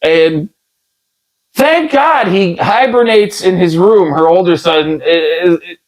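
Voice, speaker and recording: A man's voice: high-pitched, slow pace, low-quality recording. A middle-aged man co-hosting a podcast, rambling and joking with many restarts. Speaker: podcast co-host. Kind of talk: casual comedic chat.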